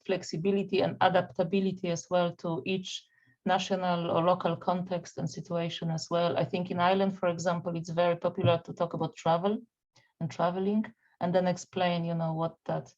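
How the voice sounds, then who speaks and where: Woman, low pitch, flat delivery, brief panel remarks, dull lo-fi call audio. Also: moderate pace. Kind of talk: webinar discussion.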